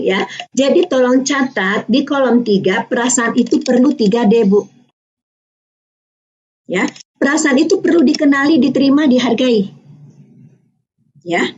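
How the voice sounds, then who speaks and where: Casting: high-voiced older woman, lively webinar teacher, dull online audio. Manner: lively, quizzing the audience with tag questions. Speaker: parenting speaker.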